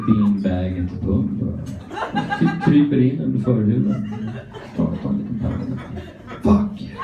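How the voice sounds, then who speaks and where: A middle-aged Swedish man doing a crude, rambling, self-mocking stand-up routine, talking out of one side of his mouth. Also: on the low side. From Sweden. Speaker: stand-up comedian. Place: comedy club stage. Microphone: phone camera from the audience. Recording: echoey, distant, muffled phone recording.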